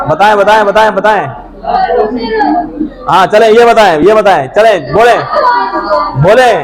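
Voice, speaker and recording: A man teaching Arabic grammar to a classroom, loudly and prompting students again and again to answer. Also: high voice, rough recording. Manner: drills students with repeated questions and prompts; loud, projecting voice to a class.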